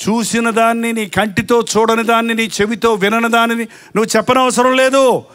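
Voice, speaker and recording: A pastor preaching a live sermon, asking the congregation rhetorical questions and slowly stressing each item in a list of sins, with mocking asides. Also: male voice, very high voice, level tone, fairly bright tone, clean tone. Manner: slow, emphatic listing of sins.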